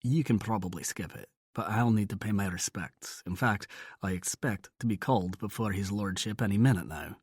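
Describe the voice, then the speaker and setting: A man voicing a centuries-old Scottish vampire warrior, low and wry. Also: normal speed, no room sound, studio quality, lightly acted. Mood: hushed.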